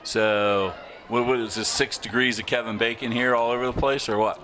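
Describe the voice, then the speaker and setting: A man doing color commentary for a football broadcast, out of breath and chatty with halting restarts. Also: medium pitch, steady tone, bright, forceful tone, a little hiss or hum.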